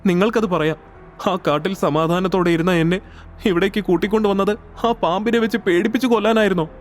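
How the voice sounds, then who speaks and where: Brief: male actor as timid young man in an audio drama, sulky and pleading, raised pitch. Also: fairly even intonation, fast, soft background music, close to an everyday voice. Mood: resentful. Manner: pleading and complaining, voice pushed high. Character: young man, anxious, easily frightened, sulky.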